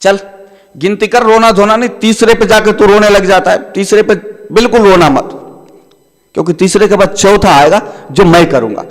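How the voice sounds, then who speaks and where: A man doing a calm old saint, speaking lower, soothing and commanding. it is a spoken parable, and the steady words carry through a large hall with a long reverb. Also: normal speed, lightly acted. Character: calm, reassuring older holy man.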